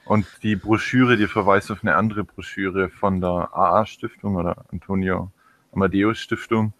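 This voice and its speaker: Man, low voice, dry sound, podcast co-host, stammers and restarts. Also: steady tone, moderate pace, a bit bright, no room sound. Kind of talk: casual political chat.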